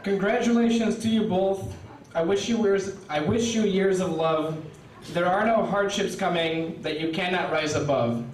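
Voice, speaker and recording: A young man reading a rhyming best-man toast aloud from paper at a wedding reception, pausing for laughs. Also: sits high. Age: young adult. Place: wedding reception hall, indoors. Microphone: stand mic, filmed by a far camera. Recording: roomy hall audio from a distant camera. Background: guests laughing.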